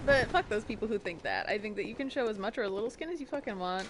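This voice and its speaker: A woman's voice: mid-range voice, expressive, quick pace, noisy background. A woman game streamer chatting casually and expressively while commenting on her live gameplay in an informal way.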